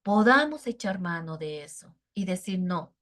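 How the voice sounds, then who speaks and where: A woman teaches a Bible lesson to children. She speaks earnestly and often pauses to check in with the young listeners through short tag questions. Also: mid-range voice, animated. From Mexico.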